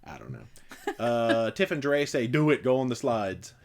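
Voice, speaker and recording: An American man hosting a casual livestream, reading out viewer comments in an animated, joking way. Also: moderate pace, clean tone. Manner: animated, playful, jumps in pitch when joking. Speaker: livestream host.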